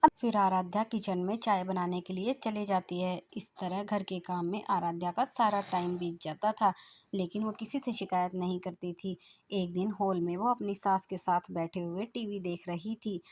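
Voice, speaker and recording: Woman, storyteller, expressive narration, moral story. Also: fairly low pitch, moderate pace, a little hiss or hum.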